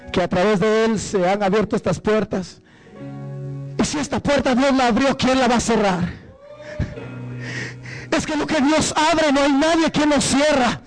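A man from Guatemala, preaching an evangelical sermon as a guest preacher and rising into fervent preaching. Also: rough recording. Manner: rises to fervent, high-pitched preaching.

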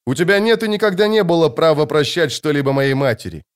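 A man voicing a defiant, commanding young male leader in an audiobook reading, declaiming with a raised, forceful voice. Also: fairly high pitch, expressive, fast talker, clear, resonant tone, pitched above the performer's own voice, close to an everyday voice. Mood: cold, scornful.

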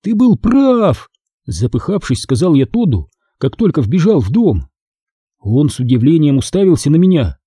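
A man reading a children's horror audiobook with lively expression. His voice is husky and dark in a dry, close recording. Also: medium pitch, moderate pace, dry recording. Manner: expressive first-person narration. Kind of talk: audiobook narration.

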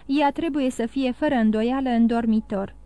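Woman acting out a panicked middle-aged man, shouting, urgent, high strained voice, dry close sound, audiobook character. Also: smooth, dry recording, close to an everyday voice. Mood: frantic. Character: frantic middle-aged male magistrate, anxious, desperate.

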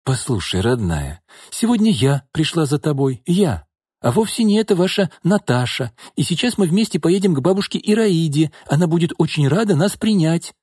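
Shrill raging drunk mother, voiced by a man, high and swooping, dry close sound. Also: big pitch swings, moderate pace, darkish tone, slightly rough, dry recording. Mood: coaxing. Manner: shrieking, insulting, bullying.

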